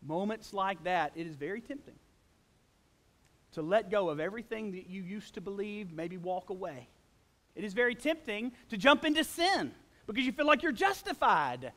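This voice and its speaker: Pastor, male, high voice, sermon with dynamic loud-soft swings. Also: very animated. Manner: wide swings from loud emphasis to soft, slow hushed lines; acts out quoted prayers and complaints in character.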